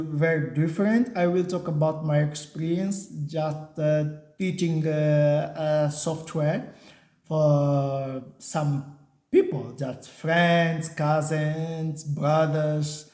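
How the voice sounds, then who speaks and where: Recorded in an echoey room, this casual talking-head vlog features a Portuguese-native software engineer who hosts the channel and comes from a Portuguese-speaking country. He speaks slowly in halting English full of fillers and restarts, with a fairly high, darkish voice and fairly even intonation.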